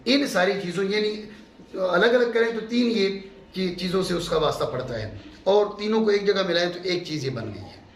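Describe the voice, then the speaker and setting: A middle-aged man from Pakistan giving a classroom lecture as a religious teacher, emphatic, repeating key terms and checking in with his students. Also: high voice. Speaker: mufti teaching a course. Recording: echoey room with faint background hum.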